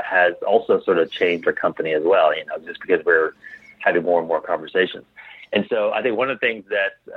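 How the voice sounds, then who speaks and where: Here a man with a low, somewhat breathy voice speaks as a guest, the founder of a clothing brand. He works out his answers aloud in a casual way and repeats words frequently. The sound is thin and tinny, with no room sound.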